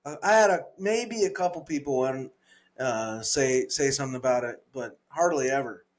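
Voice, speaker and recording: Speaking at a normal pace with a medium-pitched voice, this Southern-accented adult podcast co-host keeps things casual. Frequent laughter breaks up his talk, and he tends to drift off mid-thought while searching for the right word.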